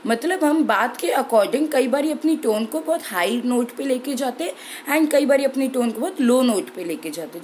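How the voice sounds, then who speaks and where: Higher-voiced woman teaching a lesson. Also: a little hiss or hum, low-quality recording. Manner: clear, steady explaining with slowed emphasis on key terms. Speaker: exam prep teacher. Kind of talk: explanatory lesson in Hindi with English terms.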